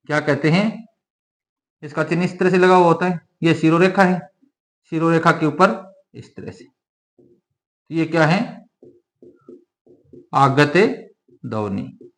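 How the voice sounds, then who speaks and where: Male teacher on the higher side, drilling students by posing questions and repeating the answers. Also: unhurried, pauses often. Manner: repetitive, asks questions and answers them himself. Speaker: Hindi grammar teacher. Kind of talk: classroom-style lesson.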